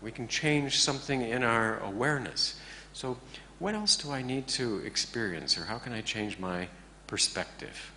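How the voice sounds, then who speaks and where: A man teaching a class in a relaxed, joking way, often checking in with his listeners. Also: medium pitch, normal speed, hardly any pauses, slight background noise. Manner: joking, conversational, keeps checking in with the audience. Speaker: meditation teacher. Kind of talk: informal talk to a class.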